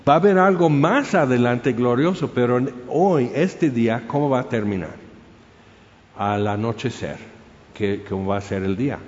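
A man preaching, telling a martyr's story in an animated way, with many fillers and acted-out crowd shouts. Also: medium pitch, normal speed. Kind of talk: sermon storytelling. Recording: dull sound in a reverberant hall.

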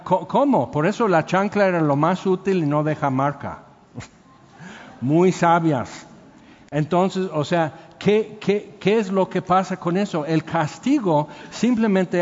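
A Mexican man preaching a sermon, lively and joking as he acts out everyday scenes. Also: on the high side. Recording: dull audio with long hall reverb.

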